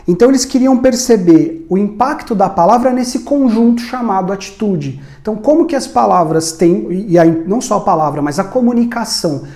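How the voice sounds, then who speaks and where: A communication instructor with a high, mellow voice presents an educational explainer video about communication, recorded in an echoey room. His style is conversational, with rhetorical questions and tag questions sprinkled throughout.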